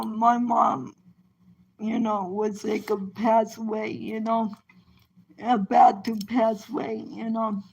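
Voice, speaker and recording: Slow, high-voiced rambling woman storyteller. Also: gravelly, muffled recording. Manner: rambling, repeats "you know" often; halting, restarts sentences. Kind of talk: casual personal storytelling.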